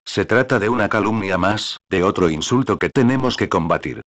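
A man's voice: lowish voice, normal speed, a bit bright, dry recording, close to an everyday voice. A man reading a desperate proud queen. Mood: pleading, indignant. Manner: pleading, indignant. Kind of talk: audiobook reading.

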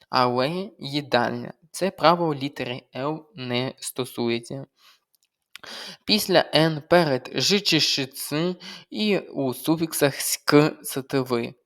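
Slow, deliberate language tutor. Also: medium pitch. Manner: slow, deliberate, spells out letters one by one; dictates example words as a list. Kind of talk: exam-prep grammar lesson.

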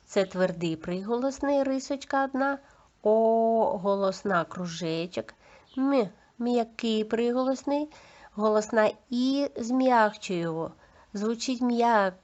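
A woman leads a reading lesson for small children, pronouncing each sound clearly and deliberately. She speaks very slowly and praises the listeners often. The audio is somewhat dull and lo-fi. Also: medium pitch. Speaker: preschool literacy teacher. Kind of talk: slow instructional lesson for young children.

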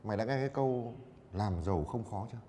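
A man's voice: fairly low pitch, fast talker, slight background noise, close to an everyday voice. A man playing a bossy friend who scolds and mocks. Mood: smug. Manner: loud, scolding and mocking. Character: bossy mocking male friend.

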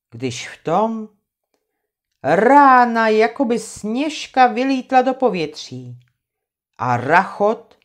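A woman reading a fairy tale aloud, expressive and vivid. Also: mid-range voice. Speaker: storyteller.

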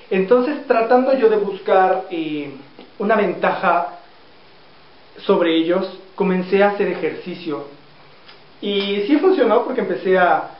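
A man in his thirties telling a personal story in a casual home vlog, relaxed and full of pauses and fillers, recorded on a camera mic in a small room. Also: high-pitched. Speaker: fitness vlogger. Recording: roomy, dull lo-fi camera audio.

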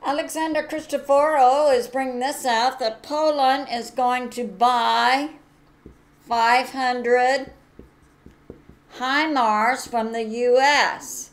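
An American woman runs her own commentary channel, going over the news by herself. She speaks slowly and haltingly, with plenty of fillers and corrections partway through sentences, in a voice that's fairly high for a woman.

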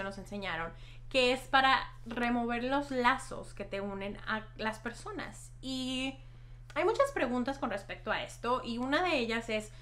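A woman's voice: fairly high pitch, a bit bright. A young woman chatting casually to camera as a vlog host, explaining things emphatically and repeating words for stress. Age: young adult. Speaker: YouTube host and hypnotherapist. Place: small decorated room at home, indoors.

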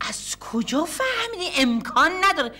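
A woman's voice: high voice, sing-song, sharp tone, a little hiss or hum, exaggerated voice. An actress playing a gullible woman eager to have her fortune read. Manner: eager, easily impressed. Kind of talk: sitcom acting.

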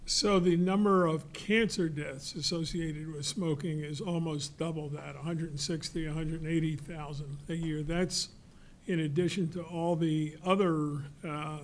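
An older man on a studio panel, explaining in a measured, halting way with many fillers. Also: a little high, steady tone, a little hiss or hum. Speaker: cancer researcher on a panel. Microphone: desk mic.

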